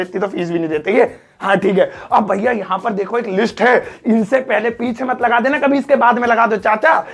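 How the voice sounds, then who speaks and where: A man teaching an English grammar lesson, joking and teasing his students and drawing words out slowly. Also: high-pitched. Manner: joking, playful teasing of students, drawn-out slow-motion sounds.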